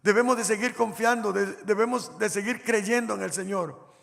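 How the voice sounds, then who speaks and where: A man's voice: high voice, normal speed, gravelly, a bit bright. A man preaching a sermon as pastor, telling a personal story and speaking straight to the congregation. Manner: storytelling, addresses the congregation directly. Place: church hall. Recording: church hall reverb.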